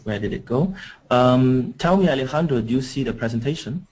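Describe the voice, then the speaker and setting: A man's voice: mid-range voice, lively intonation, a little fast, heavy background noise. A man from Singapore, a coaching trainer, giving an online webinar through a computer mic, talking hesitantly with many fillers and restarts. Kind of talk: webinar presentation. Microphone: computer mic on an online call.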